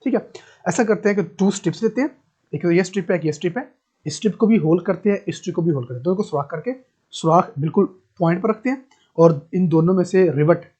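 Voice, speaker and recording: A man's voice: sits high, fast talker, mellow, husky. A man teaching a physics lesson, who explains step by step, repeats key terms and asks his class rhetorical questions. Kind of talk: classroom lecture.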